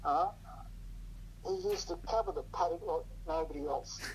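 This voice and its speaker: An older man talks through a low quality speakerphone recording, with faint noise underneath. His voice sits a little high for a man. He rambles and hesitates, with plenty of ums and restarts. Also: normal speed, darkish tone, muffled recording. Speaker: guest on a podcast, host's father. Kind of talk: casual chat about rugby league.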